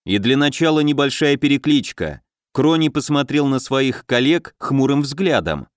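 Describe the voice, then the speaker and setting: A man narrating a fantasy novel as an audiobook reader, voicing the characters in one steady, lightly acted voice. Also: mid-range voice, normal speed, no room sound, studio quality.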